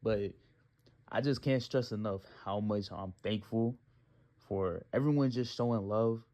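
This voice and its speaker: A twenty-year-old YouTuber thanks his viewers in slangy, joking talk, trash-talking along the way, recorded on a phone. His voice is fairly low and dark in tone, with a measured pace.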